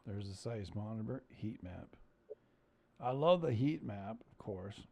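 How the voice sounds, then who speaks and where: A man's voice: fairly low pitch, lively intonation, a little slow, vocal fry, a little mellow, a little hiss or hum. A man hosting a casual screen-share chat, talking in a rambling, hesitant way with many fillers. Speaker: host.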